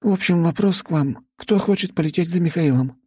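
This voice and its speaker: A male narrator voicing a brisk young noblewoman in an audiobook, lifting his voice into a high register. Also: warm tone, husky. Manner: high falsetto-like young woman's voice.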